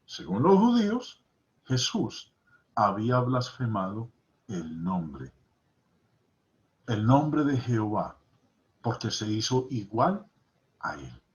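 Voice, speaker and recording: A man's voice: on the low side, huge pitch swings, slow pace, long pauses. A man teaching a Bible study lesson, reading scripture aloud and stressing key points by repeating them. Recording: dull lo-fi recording.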